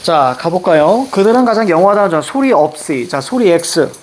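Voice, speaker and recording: A man's voice: high-pitched, moderate pace, echoey room. A man teaching a reading lesson for exams, walking students through a passage and prompting them with questions. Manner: lively, repeats "자" constantly, prompts students with questions.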